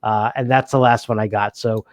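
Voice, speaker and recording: A man's voice: on the low side, steady tone, moderate pace, dry recording. A man co-hosting a casual board game podcast, rambling with many fillers and frequent laughs. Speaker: podcast co-host. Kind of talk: casual chat.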